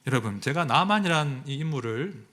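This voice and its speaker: A male pastor preaching a sermon, animated and full of rhetorical questions to the congregation. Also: mid-range voice, a little fast.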